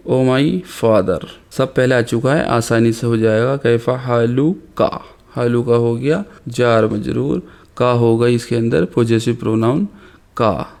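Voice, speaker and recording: A man teaching an Arabic grammar lesson, reading examples slowly and explaining them quickly. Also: medium pitch, creaky, a little mellow. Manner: slow deliberate reading of examples, rapid explanations between. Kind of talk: recorded language lesson.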